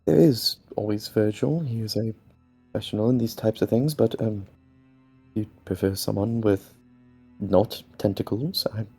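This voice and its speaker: Husky, gravelly man role-playing gently. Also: fairly low pitch, faint music behind. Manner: gentle, halting and comforting. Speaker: player. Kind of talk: in-character tabletop role-play.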